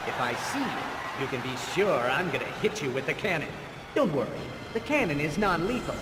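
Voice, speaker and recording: An actor voices a boastful, theatrical showman villain with a grudge in a video game, sounding grandiose, taunting and pompous. His voice is a little high with big pitch swings and a brisk pace, and heavy background noise sits under the recording.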